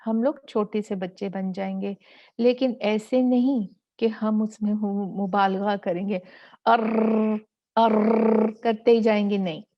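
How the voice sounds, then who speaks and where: Woman tajweed teacher, very slow and patient, slightly dull lo-fi recording. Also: mid-range voice, steady tone. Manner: patient, asks and answers her own questions, demonstrates sounds. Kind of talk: slow step-by-step lesson.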